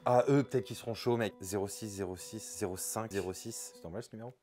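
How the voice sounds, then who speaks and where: A man performing an absurd comedy sketch in his bedroom, talking to a friend who films him in a slangy, excitable way. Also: on the low side, a little fast, soft background music. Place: bedroom at home.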